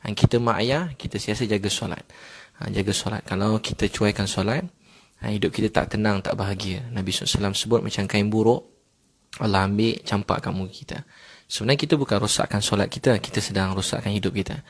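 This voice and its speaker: A man giving a religious talk, telling personal stories quickly and filling pauses with a short "ha". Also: fairly low pitch, steady tone, breathy edge. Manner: quick storytelling with many filler "ha"s. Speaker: Islamic preacher.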